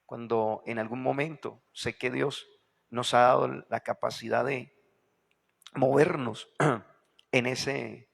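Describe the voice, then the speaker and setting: Male pastor, sermon, fry-tinged voice, leans on "right?" asides and repetition, echoey hall sound. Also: medium pitch, fairly even intonation, slow pace, long pauses. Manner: constant rhetorical questions to the congregation; repeats key phrases with emphasis.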